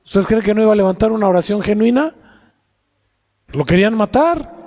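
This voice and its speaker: A man with a Mexican accent preaching a sermon, often asking his congregation questions and reading scripture in a slow, drawn-out way. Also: sits high, animated, a little mellow. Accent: Mexican Spanish. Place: church hall. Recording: long hall reverb.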